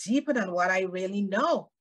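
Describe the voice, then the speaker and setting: Speaking at a normal pace in a medium-pitched, expressive voice, this middle-aged Guyanese woman with a Guyanese accent is a cheerful podcast guest. She joins by video call from a room in her home and laughs frequently during the relaxed interview chat.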